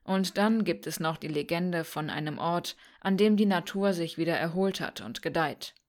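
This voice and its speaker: A woman's voice: lowish voice, normal speed, darkish tone, lightly acted. Woman reading a dry, cynical young man. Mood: calm. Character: cynical young man from the slums, calm and wry.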